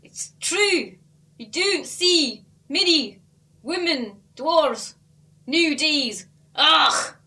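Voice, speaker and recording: A woman auditioning, voicing a gruff male dwarf warrior in a put-on Scottish accent, reading in a hammy amateur way. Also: high-pitched, expressive, extremely slow, pushed and bright, voice pushed up, exaggerated voice.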